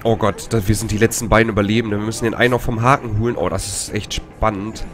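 A man's voice: on the low side, flat delivery, fast talker. A man commentating his own horror game run, swearing often, switching from nervous muttering to panicky outbursts. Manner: swears a lot, panicky outbursts and whispered hisses. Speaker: let's play gamer. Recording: gameplay with loud music.

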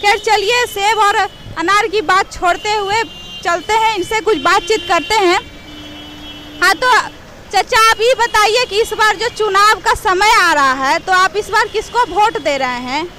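A woman with a very high voice reports from a busy street crossing. She chats easily and nudges passersby with question after question. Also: a little slow. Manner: chatty, coaxing questions to passersby. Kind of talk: street vox pop reporting.

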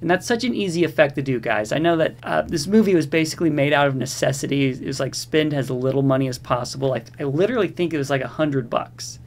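A host with a slightly high voice talks viewers through a movie review in a very casual way. He rambles in loose, slangy phrasing with a wry, sarcastic edge, talking fast and barely pausing.

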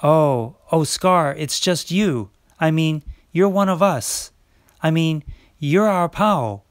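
A man playing a scheming, sly male lion in an amateur stage play, speaking in a smooth, mocking, mannered way. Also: a little high, animated, slow pace, dry recording, studio quality.

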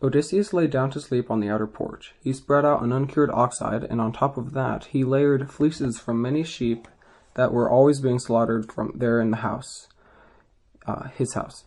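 Mellow-voiced man reading an epic aloud. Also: mid-range voice. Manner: halting, with frequent restarts and self-corrections. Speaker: reader. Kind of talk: amateur reading of an epic poem.

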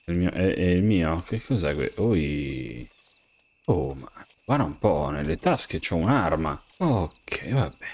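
A young man playing a game, joking and excitedly talking to the characters around him. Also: low voice, takes it slowly, slightly rough. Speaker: gamer. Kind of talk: game commentary, role-playing as himself.

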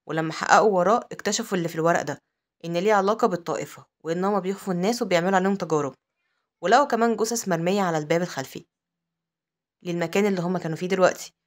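A woman with an Egyptian accent narrating a comic-story recap, with quick asides. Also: lowish voice. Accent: Egyptian Arabic. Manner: rapid, breathless storytelling with asides.

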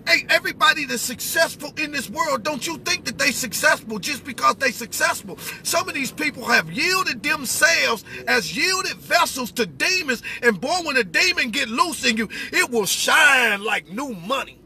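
With hardly any pauses, a middle-aged man in a noisy pickup cab speaks in a very high, sharp voice, lively in intonation at a moderate pace. He relates personal stories and preaches a bit, colloquial, emphatic and repetitive in phrasing.

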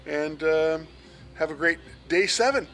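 A man's voice: fairly high pitch, unhurried, a bit bright. A man in his fifties chatting casually and hesitantly to a handheld camera as a fitness vlogger. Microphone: handheld action camera at arm's length.

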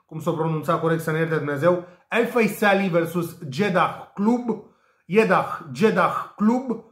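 A man's voice: a little high, a bit bright. A man from Romania giving betting tips in a casual monologue, full of filler sounds and jokey asides. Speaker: betting tipster. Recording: echoey room.

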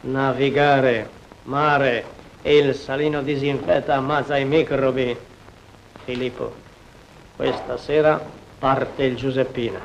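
An actor playing a gruff, blunt old sea captain in a 1940s film, talking in short, offhand phrases. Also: male voice, mid-range voice, fairly even intonation, takes it slowly, long pauses, a little hiss or hum. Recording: dull 1940s film soundtrack.

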